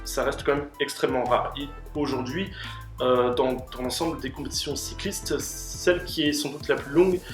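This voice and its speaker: A man's voice: medium pitch, fairly even intonation, moderate pace. A man hosting a question-and-answer video, explaining at length with many fillers and restarts. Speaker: host answering questions on cycling. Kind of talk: casual explanatory Q&A. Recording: roomy room with faint music.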